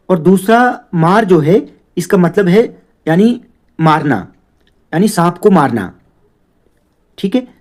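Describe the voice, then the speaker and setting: A man's voice: high voice, a little mellow. A man teaching a grammar lesson, explaining patiently and often checking in with "theek hai". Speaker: Urdu teacher.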